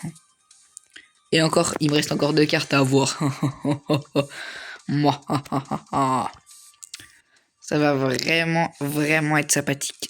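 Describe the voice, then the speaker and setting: A young man giving casual, slangy commentary over his own gameplay, excitable and laughing often. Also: a little high, slight background noise. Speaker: gaming video creator.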